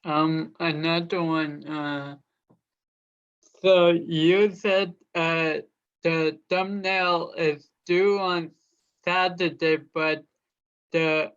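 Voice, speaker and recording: A student asking questions in an online class, hesitant and halting. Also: mid-range voice, a bit bright, clear, resonant tone, lo-fi sound.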